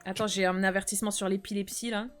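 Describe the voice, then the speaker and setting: A woman's voice: mid-range voice, flat delivery, fast talker, clear, resonant tone, soft background music. A young woman streaming from home, chatting casually in slangy banter and reading her chat aloud.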